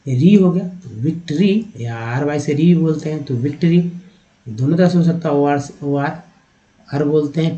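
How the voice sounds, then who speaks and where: A man's voice: a little high, mellow, dull audio. A man with an Indian accent, teaching an online English lesson and breaking words into letters and sounds. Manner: spells words out letter by letter and sounds them out slowly; addresses viewers directly, repeating "dekhiye".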